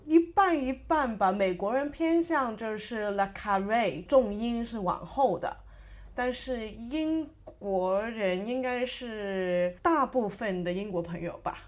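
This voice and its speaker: A woman co-hosting a casual discussion who explains things at length with light laughter. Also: medium pitch. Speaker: podcast co-host.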